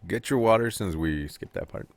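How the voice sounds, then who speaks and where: Deep, swinging-voiced joking man. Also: lively intonation, normal speed, dry recording. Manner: jokey, profane banter. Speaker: podcast co-host. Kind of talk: casual chat.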